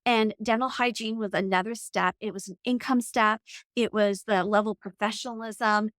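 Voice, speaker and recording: Woman, forties, podcast guest, earnest reflective storyteller, mid pitch, frequent "like" fillers, dry close recording. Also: fairly even intonation, moderate pace, fairly bright tone, no echo. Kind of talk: conversational storytelling.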